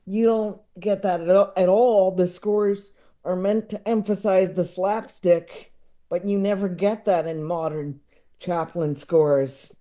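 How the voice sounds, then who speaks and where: In a casual podcast chat, a comedy expert in his thirties speaks slowly with a high, dark-toned voice and fairly even intonation. He rambles and repeats words while piecing his thoughts together.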